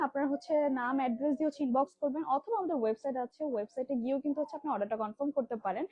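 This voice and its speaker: A woman from Bangladesh hosts a live online sale of kids' dresses, her voice high and her talk racing along in filler-heavy patter. The sound is close and dry, with a dull, lo-fi livestream quality. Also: a little mellow, no echo. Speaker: live sales host. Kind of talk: live product demo selling kids' dresses.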